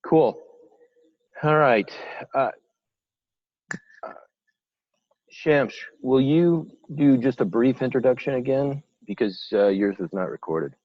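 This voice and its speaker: A man hosting an online meeting, briskly running sound checks and calling on speakers. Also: medium pitch, animated, no echo. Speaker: meeting host. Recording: dull, dry lo-fi call audio.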